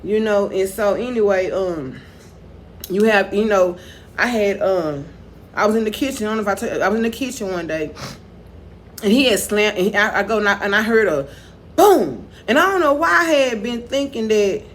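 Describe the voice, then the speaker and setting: A woman's voice: mid-range voice, animated, moderate pace, a little hiss or hum. Rambling woman vlogger. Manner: rambling, repetitive, with many restarts and "you know". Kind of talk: casual monologue to camera.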